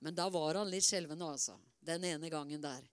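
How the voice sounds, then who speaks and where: A middle-aged woman preaching a sermon in a lively, conversational way, with many asides and repeated words. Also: low-pitched, smooth, dry recording.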